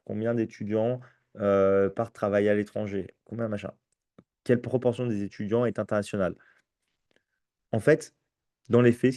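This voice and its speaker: A man with a French accent walks an audience through entrance exams in a relaxed, chatty tone, regularly checking that everyone is following. His voice is mellow and warm, recorded dry and up close. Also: fairly low pitch, no echo. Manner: conversational, addresses audience with frequent "ok?" and restarts. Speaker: prep school teacher presenting exams. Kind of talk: live conference presentation.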